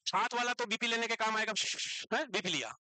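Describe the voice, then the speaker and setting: A man teaches psychiatry, dictating notes word by word and scolding students gently for writing too slowly. His voice is high and very bright, recorded close and dry. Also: no room sound, low-quality recording. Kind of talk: dictating a psychiatry class lecture.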